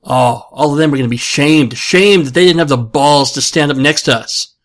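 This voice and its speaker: A man's voice: a little high, normal speed, a bit bright, natural voice. A man doing a defiant Brooklyn war captain. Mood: rousing. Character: male rallying war leader, bold and defiant.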